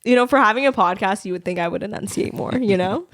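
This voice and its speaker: A woman's voice: medium pitch, fast, no echo. Podcast host: young woman, New Jersey accent, giggly and chatty, close dry sound. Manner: chatty, laughs often, giggly asides. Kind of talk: casual chat. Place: bedroom.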